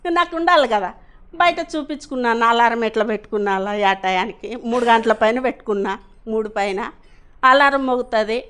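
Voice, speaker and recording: A middle-aged woman tells her own story in a rambling, earnest way. Her voice sits high and comes through smooth and clear. It sounds like a class attendee giving a heartfelt testimonial. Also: fairly quick, a bit bright. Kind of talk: personal testimonial.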